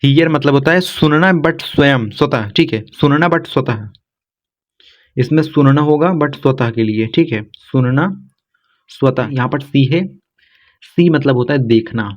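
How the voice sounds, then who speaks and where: A man teaching English vocabulary to learners, going word by word and repeating each one with a steady "okay". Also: mid-range voice, a little slow. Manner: repetitive, keeps saying "thik hai". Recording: slightly dull lo-fi sound.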